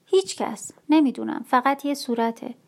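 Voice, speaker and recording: Brief: woman reading a fearful, disturbed young painter woman, halting, a little high. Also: lively intonation, darkish tone. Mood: evasive.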